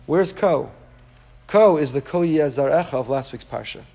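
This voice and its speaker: A man's voice: a little high, lively intonation, moderate pace, creaky, dark tone. A man giving a rabbi's sermon to a class, emphatic, repeating key phrases and posing rhetorical questions. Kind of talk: sermon, Torah lecture to a live group.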